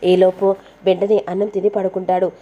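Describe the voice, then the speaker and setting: A woman's voice: medium pitch, level tone, brisk, phone-quality sound. A woman narrating a recap of a TV serial episode, retelling events with frequent fillers.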